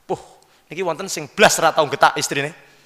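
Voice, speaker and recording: A man with a Javanese accent giving a lively sermon, often questioning his audience directly. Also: fairly high pitch, normal speed. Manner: lively, questions the audience, mixes in local words. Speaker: preacher. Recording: long hall reverb.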